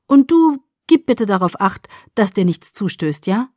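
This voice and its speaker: A woman voicing a teasing, protective teenage boy in a storybook reading, in a calm, wry manner. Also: mid-range voice, unhurried, dry recording, studio quality. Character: young male teen, teasing, protective.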